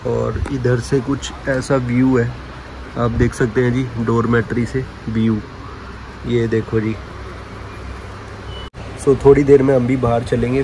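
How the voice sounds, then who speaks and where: In this handheld travel vlog, a man with a medium-pitched voice talks casually to viewers about his road trip while filming outdoors and around a rest house. There is background noise, and he keeps repeating "so ji" and "dekh sakte ho."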